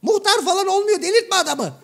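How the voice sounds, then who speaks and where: Brief: a prim, fussy shadow-play gentleman in a very high, thin voice, formal and exasperated. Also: lively intonation, brisk, creaky, exaggerated voice. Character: Hacivat, prim exasperated educated gentleman, male. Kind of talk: comic shadow-play sketch.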